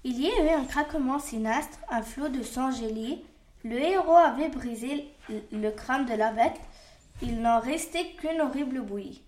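Slow woman reading a story, roomy echo. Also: high voice, a little mellow. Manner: slow careful reading with restarts.

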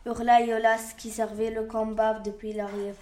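A woman reading a storybook aloud slowly and carefully, with restarts. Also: fairly high pitch, little pitch movement, darkish tone. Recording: roomy echo.

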